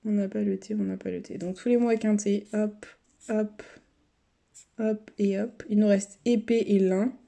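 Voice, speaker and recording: A woman vlogger talks her viewers through what she is doing in a relaxed, chatty way. Her voice is deep-toned and mellow, at a middle pitch for a woman. She slips into quiet mutters and near-whispers at times, picked up by a camera set on a table. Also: normal speed, creaky. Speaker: YouTuber. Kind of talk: casual running commentary while scratching lottery tickets.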